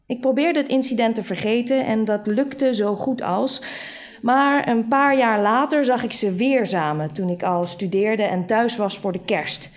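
A woman reading a literary short story aloud in a measured, dry storytelling manner. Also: on the high side. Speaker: reader.

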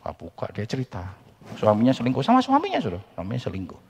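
A middle-aged man with a Javanese accent preaching a sermon as a pastor, animated, jumping to high voices when he quotes others. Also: rapid-fire, gravelly, husky. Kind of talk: sermon with acted-out stories. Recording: long hall reverb.

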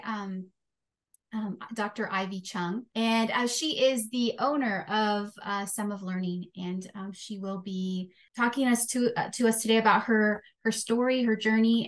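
Friendly, halting woman podcast host. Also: fairly high pitch. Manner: friendly, halting questions full of fillers. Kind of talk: podcast interview hosting.

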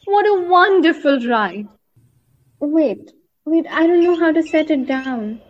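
In an audio drama, an actress plays a huntress stalking her target and marveling at winged creatures, thinking aloud in deliberate short phrases. Her voice is high-pitched and expressive, with an enchanted mood. The recording is dull and lo-fi.

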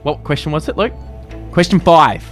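A young man reads out quiz questions in a casual podcast chat, laughing often between lines. His pitch swings widely and a faint bed of music plays behind him. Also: animated, moderate pace.

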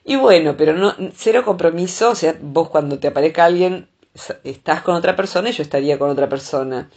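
A woman with a Rioplatense Spanish accent, talking through ideas in a casual podcast chat, often pausing on "eh". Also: low-pitched, a little mellow. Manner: thoughtful, explains with many filler "eh"s.

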